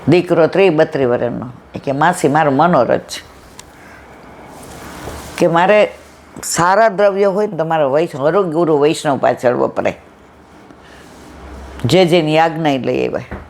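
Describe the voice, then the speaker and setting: A woman's voice: low voice, measured pace, pauses often, darkish tone, slight background noise. Woman doing a satsang talk, chatty storytelling, acts out the dialogue bits. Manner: conversational, acts out quoted dialogue. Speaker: satsang speaker. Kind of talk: devotional discourse with storytelling.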